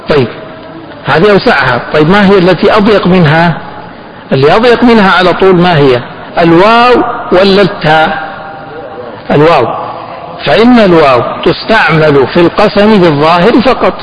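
A man teaching a fiqh text. He asks his students questions, answers them himself, and slows down to stress the key phrases. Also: sits high, poor audio. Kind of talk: classroom lesson explaining a text.

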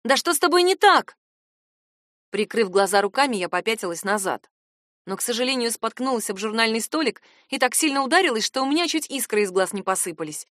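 A woman's voice: a little high, expressive, fast, fairly bright tone, dry recording, studio quality. A woman narrating a first-person story in a sarcastic, exasperated tone.

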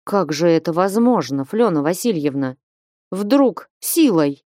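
A woman's voice: lowish voice, expressive, a little slow, dark tone, dry recording, studio quality. A woman reading an audiobook voices a timid, flustered young man who answers plaintively with sighs.

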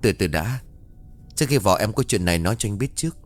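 A man's voice: on the low side, expressive, quick pace, lightly acted. A man voicing an earnest younger friend of the family who confides worrying news in a ghost story. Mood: confiding.

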